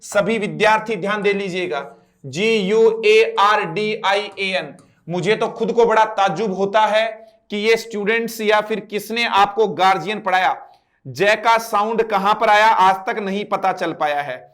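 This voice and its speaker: An Indian-accented man with a high voice teaching a grammar class. He works through each example step by step, quizzing his students and spelling out words one letter at a time. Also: moderate pace, fairly bright tone. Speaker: English teacher.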